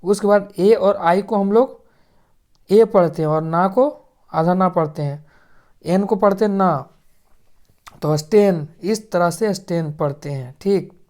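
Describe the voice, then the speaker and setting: A man's voice: high-pitched, unhurried, darkish tone. A man teaching English pronunciation, patiently repeating each step and checking in often. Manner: patient, repetitive drilling with frequent checks. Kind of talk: pronunciation lesson for Hindi speakers.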